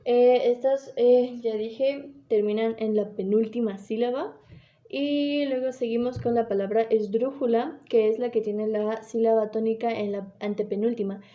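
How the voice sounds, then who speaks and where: A woman's voice: a little high, steady tone, a little slow, muffled recording. A woman giving a class presentation, reading with hesitations, fillers and frequent self-corrections.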